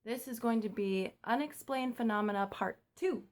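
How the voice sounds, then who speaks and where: Filming a casual home vlog on her phone at night, this young US vlogger keeps her voice low while talking quickly and chattily. Her voice is on the high side, with a darkish tone.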